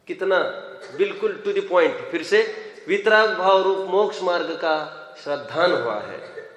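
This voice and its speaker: A man's voice: high-pitched, fairly bright tone. A man teaching a scripture class to students, questioning them and chatting as he explains. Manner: conversational, quizzes students, mixes in English phrases. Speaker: religious teacher. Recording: echoey hall, long reverb.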